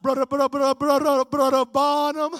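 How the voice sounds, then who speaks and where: A man's voice: very high voice, monotone, fairly quick, fairly bright tone, no room sound, clean studio sound. A man voicing an earnest male traveling evangelist who stammers and repeats words. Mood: stammering.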